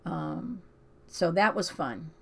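Older woman host, slightly low voice, loose rambling chat full of ums, reads scripture. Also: expressive, slow pace, vocal fry, fairly bright tone, husky. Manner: rambling, frequent ums and restarts; emotional, close to tears. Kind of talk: casual chat and scripture reading.

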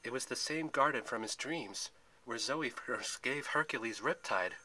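Male storyteller, expressive read-aloud, bright and forceful. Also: medium pitch, normal speed, low-quality recording. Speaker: narrator. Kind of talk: dramatic story narration.

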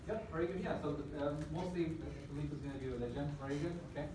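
Here a fast-talking Afghan man in middle age, his pitch on the high side, lectures as a guest in a large indoor hall and throws questions to listeners. The recording comes from a camera far back in the room, sounding distant, echoey and noisy.

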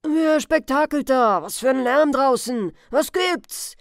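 Storybook: a woman doing a gruff old farmer, wary and bossy, shouting in a loud, dry voice. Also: high voice, slow, dry recording, voice pushed up. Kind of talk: audiobook character reading.

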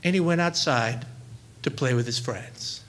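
A middle-aged man giving a reflection, telling a family story with lively delivery and acting out the dialogue. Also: medium pitch, unhurried, a little hiss or hum. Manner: animated storyteller who acts out quoted dialogue.

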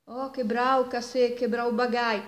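A woman's voice: on the high side, flat delivery, normal speed, pitched above the performer's own voice, lightly acted. A woman with a Milanese accent voicing a sly, greedy, bossy female fox in a folk tale, urging and wheedling. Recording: echoey room, distant microphone.

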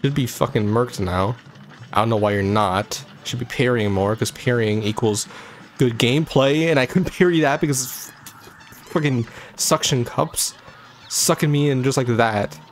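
A young man gives profane let's-play commentary into a desk microphone, swearing constantly and rambling jokes at a game boss. His voice is medium-pitched and measured, with a little hiss or hum present.

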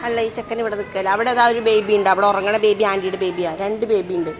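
A woman's voice: mid-range voice, fairly even intonation, fast. A young woman, a mother of twins, chatting to the camera in a casual vlog while soothing her small children. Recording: noisy background with passing vehicles.

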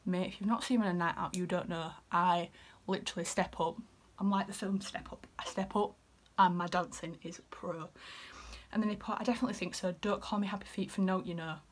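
A woman's voice: lowish voice, steady tone, fairly quick. Young woman, Yorkshire accent, chatty and giggly, casual vlog delivery with whispered asides. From Yorkshire, England. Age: 20s. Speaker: vlogger. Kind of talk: casual chat reading out messages.

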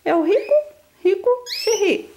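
A woman's voice: extremely high pitch, normal speed, a little hiss or hum. A young woman at home, talking baby talk to her new puppy in a cooing, sing-song way. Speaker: pet vlogger. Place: home indoors.

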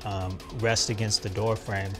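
In a promotional interview, a man in his thirties who co-founded the company explains a product earnestly and conversationally. His voice is fairly low with little pitch movement and a measured pace, recorded indoors in a large open office with background music.

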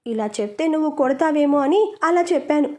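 Give me a woman doing an indignant young man protesting in a storybook, with a high, mellow voice. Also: expressive, fairly quick. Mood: earnest. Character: flustered young man in love.

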